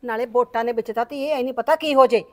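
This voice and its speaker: Brief: actress as a worried, nagging village wife, high voice, fast scolding delivery, short-film drama. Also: female voice, natural voice. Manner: scolding, rapid and shrill.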